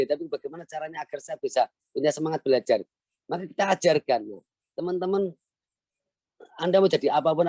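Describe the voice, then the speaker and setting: A man's voice: medium pitch, dark tone, no room sound. A middle-aged man gives an earnest, motivational online lecture. He is the founder of a language village and repeats key phrases for emphasis. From Central Java, Indonesia.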